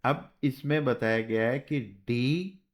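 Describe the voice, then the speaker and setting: Slow, patient man teaching a lesson. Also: mid-range voice. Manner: slow, patient, spells out sounds and checks with "theek hai". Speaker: shorthand teacher. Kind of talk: classroom lesson.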